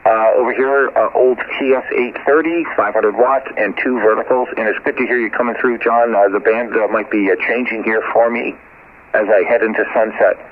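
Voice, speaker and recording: This lowish, steady, brisk male voice belongs to a ham radio operator placing a call. He spells out call signs phonetically and uses lots of fillers, heard over a tinny shortwave band with light static.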